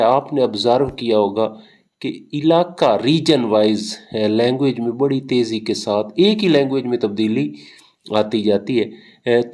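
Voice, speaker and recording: A man's voice: mid-range voice, warm tone. Brief: male lecturer, mid-range voice, patient teaching delivery with frequent hesitations. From Pakistan. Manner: explains with everyday examples, frequent hesitation fillers. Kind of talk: recorded lecture explaining linguistics.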